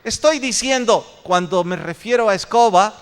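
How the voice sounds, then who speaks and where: A man's voice: sits high, normal speed, clear, resonant tone. A man preaching a sermon as pastor, posing rhetorical questions to his congregation. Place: church sanctuary. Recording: long church reverb.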